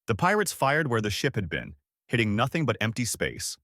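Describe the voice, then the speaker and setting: Lively male story narrator. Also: mid-range voice, moderate pace, no room sound, clean studio sound. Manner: steady, expressive storytelling.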